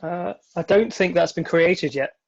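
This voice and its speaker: High-voiced bantering man, muffled. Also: a little slow, no room sound. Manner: jokey, bantering. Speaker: participant on a video call.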